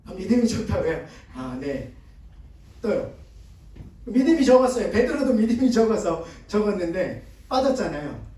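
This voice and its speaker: A guest pastor leads a conversational sermon seminar in a church sanctuary, recorded from far off in the echoey hall. His high, sing-song voice is warm and moderately paced, and he often has the congregation repeat after him and answer his questions.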